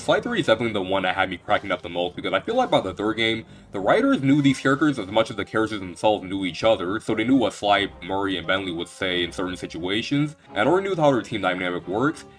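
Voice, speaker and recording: Fast-talking young man rambling about games. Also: fairly low pitch, sing-song, soft background music. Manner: rambling, joking, many restarts. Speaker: video game reviewer. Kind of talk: casual video game retrospective.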